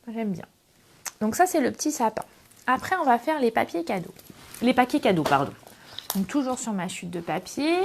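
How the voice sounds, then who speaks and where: A woman from France hosting a relaxed craft tutorial, talking casually through each step with many fillers. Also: fairly high pitch. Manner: chatty, relaxed, thinks aloud with fillers. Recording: faint background noise and clicks.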